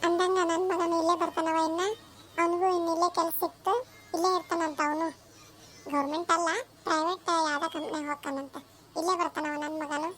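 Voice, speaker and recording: A woman voicing a talkative village mother who speaks in a high, lilting voice with a North Karnataka accent. She scolds and fusses with affection, a homely cartoon matriarch, with a faint hum of noise behind her. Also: flat delivery, a little fast, fairly bright tone. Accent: North Karnataka Kannada. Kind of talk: cartoon voice acting.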